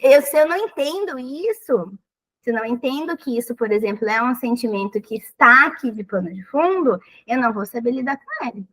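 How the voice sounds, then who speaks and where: A woman with a thin, high voice, talking casually and expressively as a podcast guest and acting out little quoted exchanges. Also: animated, a little fast, a bit bright, rough recording. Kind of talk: casual conversational advice.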